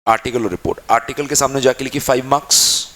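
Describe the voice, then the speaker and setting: A man's voice: medium pitch, fast talker. Hindi-speaking male teacher lecturing students. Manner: affectionate, calls students child and dear; plays out students' questions in a lively back-and-forth. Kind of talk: classroom lecture.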